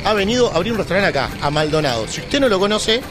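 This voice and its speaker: A man's voice: high voice, very animated, quick pace. A man presenting a TV report on a city street with a handheld mic, joking and upbeat. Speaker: TV reporter and host. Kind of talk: playful on-location TV presenting. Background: music.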